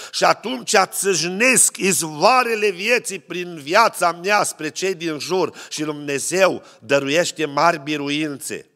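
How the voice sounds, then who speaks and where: High-voiced preacher in an echoing hall. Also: male voice, pushed and bright. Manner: preaching with stories, acting out quoted voices. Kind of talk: sermon. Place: church hall. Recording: long church hall reverb.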